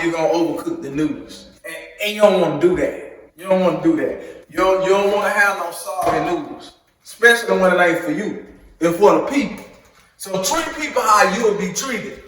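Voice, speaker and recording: A man's voice: high voice, heavy reverb, recorded from a distance, background noise. A man walking viewers through a recipe in a chatty, joking way, with preachy asides to the audience. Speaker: home cook teaching a recipe. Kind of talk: casual cooking tutorial.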